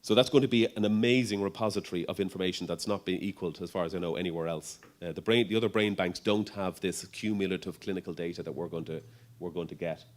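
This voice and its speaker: Lower-voiced man giving a conference talk. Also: fast. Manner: conversational with frequent fillers and restarts. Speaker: neurologist speaker.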